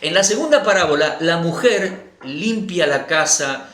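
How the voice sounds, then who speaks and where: Argentine male Bible teacher, unhurried and deliberate, somewhat high voice, roomy reverb. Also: animated, fairly bright tone. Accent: Argentine Spanish. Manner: slow and deliberate, checking in with listeners. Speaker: preacher. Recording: echoey room.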